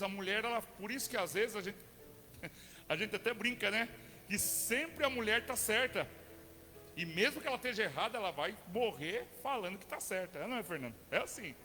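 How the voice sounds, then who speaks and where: A middle-aged Brazilian man preaching a sermon in church. He talks conversationally, asks the congregation questions and builds to fervent shouting. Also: high voice. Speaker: pastor. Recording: long church hall reverb with faint music.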